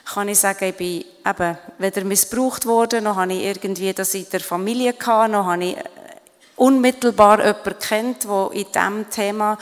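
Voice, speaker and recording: A woman's voice: mid-range voice, steady tone, moderate pace. Earnest Swiss woman in a reverberant hall. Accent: Swiss German. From Switzerland. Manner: earnest, reflective, with many fillers and restarts. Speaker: guest speaker. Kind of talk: interview on stage at an event.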